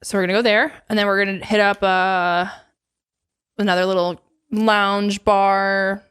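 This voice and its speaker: A young woman co-hosts a podcast in a mid-pitched voice, and her talk is loose, gushing and full of fillers. She chats casually while putting on makeup and swears now and then. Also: little pitch movement, unhurried, fairly bright tone, clear, resonant tone. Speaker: podcast co-host.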